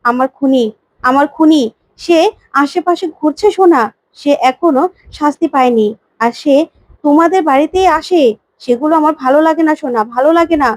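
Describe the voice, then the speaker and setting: A woman's voice: sits high, moderate pace, pauses often, no echo, studio quality, close to an everyday voice. A woman voicing the restless, vengeful ghost of a murdered man in a retold TV serial, speaking in a pleading, brooding way.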